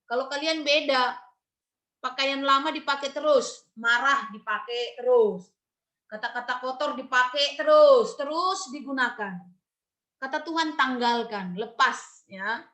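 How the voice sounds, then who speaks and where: Woman religion teacher for kids, high and bright, acts out children's lines, video-call sound. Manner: acts out children's excuses in quick quoted voices. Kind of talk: online children's religion lesson. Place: home room on a video call.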